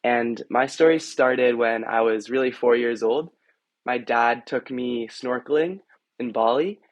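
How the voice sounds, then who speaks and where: A man's voice: medium pitch, no echo, rough recording. A young man, a student, telling a personal story in an earnest, heartfelt way. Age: young adult. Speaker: student panelist.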